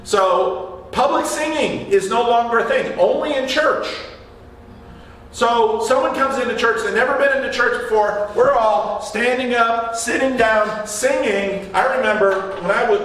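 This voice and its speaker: A man's voice: very high-pitched, a little slow, fairly bright tone. A man preaching a sermon in a church, chatting with his congregation and asking them questions. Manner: conversational, asks the congregation questions. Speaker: pastor. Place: church sanctuary. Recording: echoey church hall, mic from far off.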